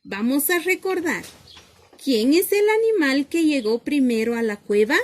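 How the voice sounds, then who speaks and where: A woman's voice: high-pitched, lively intonation, measured pace. A woman reading a picture book aloud to children as a lesson, asking questions and then answering them herself.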